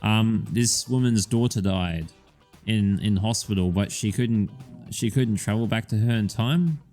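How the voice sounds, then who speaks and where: A man's voice: on the low side, a little slow, warm tone, faint music behind. A man co-hosting a podcast in casual chat, rambling with lots of "um"s and casual swearing. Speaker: podcast co-host.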